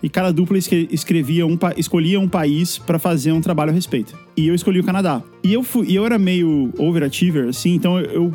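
A man's voice: fairly high pitch, fast talker, few pauses, faint music behind. Chatty Brazilian man telling stories. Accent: Brazilian Portuguese. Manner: animated storyteller, many fillers. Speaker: guest musician. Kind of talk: casual chat.

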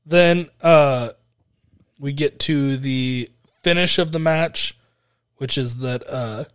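A man co-hosting a podcast, recapping a wrestling event in a rambling, hesitant way with frequent laughs. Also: fairly high pitch. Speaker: podcast co-host.

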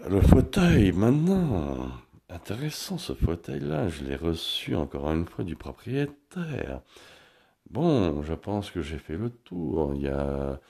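A man with a French accent and a very low, gravelly voice that has a dark, mellow tone. He talks slowly in a wandering, musing way, mocking himself as he walks through his small bedroom for a vlog. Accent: French from France. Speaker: vlogger. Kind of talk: rambling room-tour monologue.

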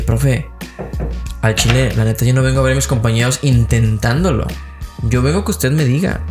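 A young man with a Mexican accent talking casually, blunt and full of profanity and street slang as he rants. His voice sits mid-range, and faint music runs behind him. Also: medium pitch. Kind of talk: casual chat. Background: background music.

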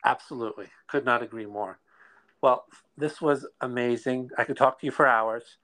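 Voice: mid-range voice, moderate pace, fairly bright tone. A podcast host with a Brooklyn accent, talking conversationally and earnestly, repeating phrases for emphasis.

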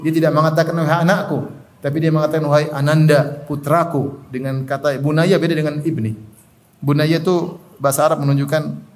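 This middle-aged man speaks, and his voice sits fairly high for a man. He preaches with animated storytelling and often pauses so the listeners can finish his sentences. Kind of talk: sermon.

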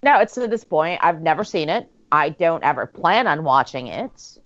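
A woman's voice: sits low, very animated, normal speed, lo-fi sound. A woman giving blunt, opinionated remarks in a casual chat among friends while watching a movie.

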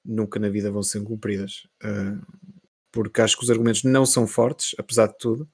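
A man's voice: fairly low pitch, level tone, a little fast, darkish tone, breathy edge. A man with a European Portuguese accent talking casually about the games industry as a podcast co-host.

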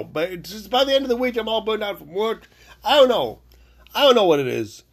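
A high-voiced man hosts a solo podcast and talks loud and fast on his feet. His pitch leaps up and down a lot as he rambles and interrupts himself. He sounds excitable and unscripted. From Italian heritage. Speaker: podcast host.

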